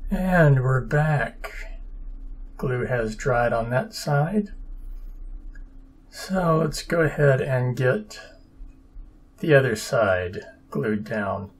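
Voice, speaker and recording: A man's voice: mid-range voice, lively intonation, very slow, pauses often, breathy edge. A man narrating his own papercraft build in a casual, dry, sarcastic and self-deprecating way. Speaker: papercraft hobbyist.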